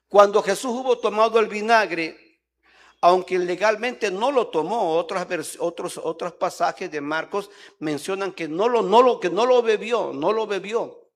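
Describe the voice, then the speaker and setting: A man with a Mexican Spanish accent preaching a sermon as pastor, in a conversational way that stops to repeat and count words. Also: sits high.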